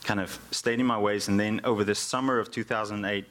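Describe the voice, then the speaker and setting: His voice is on the low side, fairly bright and steady, moving a little fast. He's a South African native Afrikaans speaker, a worship musician and music teacher giving an informal church testimony, frequently repeating words while searching for phrasing.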